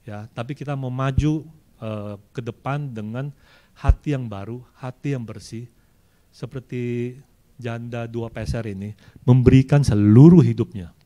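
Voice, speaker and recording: A male preacher delivering a casual, conversational sermon in a middle-pitched voice. He slips into everyday slang and acts out people's prayers and excuses in shifting voices. The sermon comes from a church service streamed online. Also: measured pace, dark tone.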